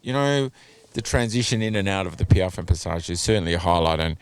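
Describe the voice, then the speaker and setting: This man sits low in pitch and sounds expressive, his tone clean. He analyzes a dressage test over video in a measured way, hedging calls with phrases like "you know" and "a little bit."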